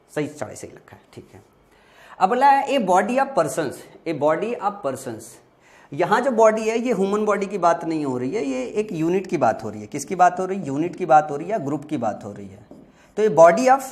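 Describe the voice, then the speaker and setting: A man's voice: a little high, a little mellow. A young man teaching an exam-prep vocabulary lesson, explaining patiently and asking and answering his own questions. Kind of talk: exam-prep lesson, Hindi mixed with English.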